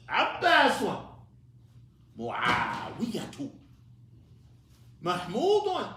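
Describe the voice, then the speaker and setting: A man's voice: high voice, fairly bright tone, a little hiss or hum. A man teaching an Arabic class in a mosque, patiently prompting and correcting his students. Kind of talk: classroom lesson, mixing Arabic and English. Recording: echoey room.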